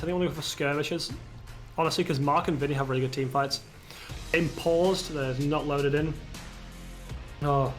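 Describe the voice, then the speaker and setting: British streamer-caster, young man, high pitched, chatty with chat, erupts on big plays. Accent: British English. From Britain. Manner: chatty, reads chat aloud, bursts into excited shouting at plays. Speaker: esports caster. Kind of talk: solo game commentary on a stream.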